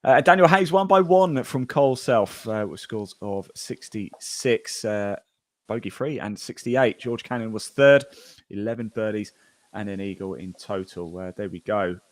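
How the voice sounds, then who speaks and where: Chatty male podcast host, low dry voice. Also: normal speed, no echo. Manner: chatty, rambling, many fillers and restarts. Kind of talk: casual podcast chat reading golf news.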